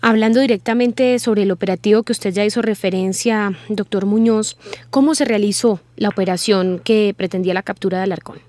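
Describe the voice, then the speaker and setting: A woman, a news anchor asking crisp, formal questions in an interview. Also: mid-range voice, fairly even intonation, a little fast, a little mellow, no echo.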